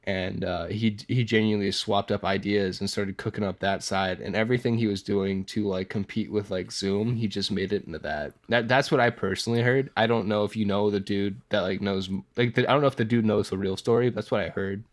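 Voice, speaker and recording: A man's voice: fairly low pitch, fairly even intonation, brisk, hardly any pauses. A young man with a congested, stuffed-up voice, chatting casually and rambling with lots of filler words and swearing. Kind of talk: casual chat.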